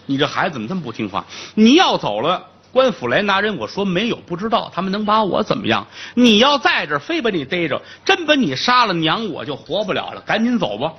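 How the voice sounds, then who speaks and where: A man's voice: high-pitched, big pitch swings, fairly quick, few pauses, slightly rough, dull audio, exaggerated voice. A male storyteller voicing an elderly mother who urgently scolds her son and tells him to flee. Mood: scolding.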